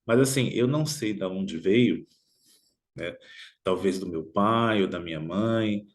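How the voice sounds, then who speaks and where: A Brazilian man telling a personal story in a reflective, unhurried way, often ending phrases with a questioning "né?". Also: fairly low pitch. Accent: Brazilian Portuguese. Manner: reflective, frequent "né?" tag questions. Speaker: motivational video host.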